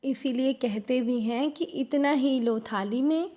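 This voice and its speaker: A woman narrating a devotional moral story in a calm manner, addressing her congregation. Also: high-pitched, slow.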